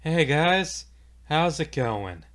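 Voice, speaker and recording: A man playing a sickly young prince in red armor who greets everyone in a breezy, oddly cheerful tone. The voice jumps higher and louder than the narration, bright and forceful, with a hollow lightness that fits a storybook villain. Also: very animated, drawn-out words, full character voice.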